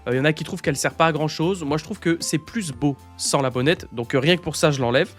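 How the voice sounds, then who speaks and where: A man's voice: on the high side, fast talker, faint music behind. A man casually reviewing a headset, talking through a headset mic in a crude, joking, rambling way. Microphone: gaming headset mic.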